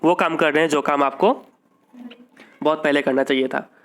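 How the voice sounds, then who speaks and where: A male teacher explaining an English lesson in Hindi. He reads English lines slowly, then explains them, and asks questions that he answers himself. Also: a little high, fairly even intonation, fairly bright tone.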